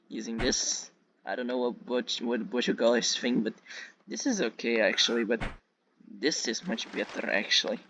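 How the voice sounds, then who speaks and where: Slight background noise accompanies this YouTube game reviewer, a Russian man whose accent colors his casual, meandering gameplay talk full of repetition. His voice is mid-range and somewhat bright, captured on a dull lo-fi mic over background music.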